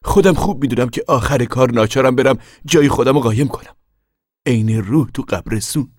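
A man's voice: medium pitch, no room sound, studio quality, voice pushed up, close to an everyday voice. A man voicing a lonely, wistful middle-aged man who stays behind on the land.

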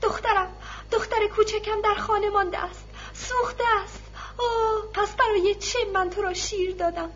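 A woman's voice: fairly even intonation, dull audio, slight background noise. A woman voicing a distraught mother who sobs and pleads, in a storybook reading. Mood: wailing plea. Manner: sobbing, shrill pleading. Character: distraught middle-aged mother, wailing and pleading.

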